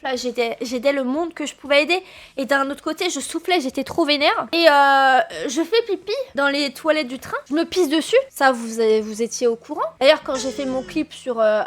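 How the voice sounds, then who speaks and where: A young woman streamer telling a long mishap story to her chat, excitable, swearing and laughing as she goes. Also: high-pitched.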